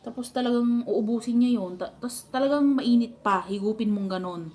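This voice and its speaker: Her fairly high, mellow voice moves at a moderate pace as this Filipino-accented woman laughs her way through family stories for her live stream audience. Slight background noise is audible.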